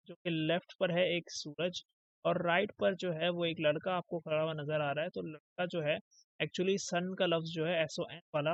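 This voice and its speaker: Man lecturing on English, gravelly, slightly high voice, dull dry lo-fi sound. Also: no room sound. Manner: explains patiently, asks and answers own questions. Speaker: English teacher. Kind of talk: recorded lecture.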